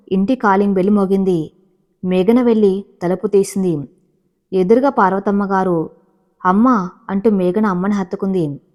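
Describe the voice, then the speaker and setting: A woman narrates a romantic novel aloud in a steady, even storybook reading. Her voice sits at an ordinary middle pitch.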